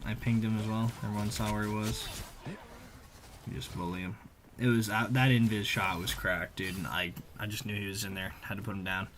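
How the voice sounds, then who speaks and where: A young man who creates gaming videos talks over game music and effects, giving loose, slangy commentary on the action. His voice is fairly low yet fairly bright, with a steady tone and a brisk pace.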